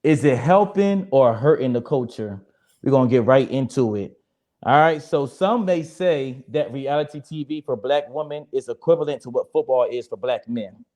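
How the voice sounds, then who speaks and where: A man's voice: mid-range voice, expressive, normal speed, dark tone. A young man moderating a casual panel chat in a joking, blunt and profane way. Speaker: moderator of a discussion show.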